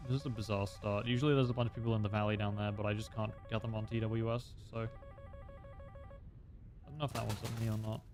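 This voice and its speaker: A man's voice: fairly low pitch, level tone, quick pace, music in the background. A young man streaming a flight game, chatting casually and explaining tactics with lots of fillers. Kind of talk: casual gameplay commentary.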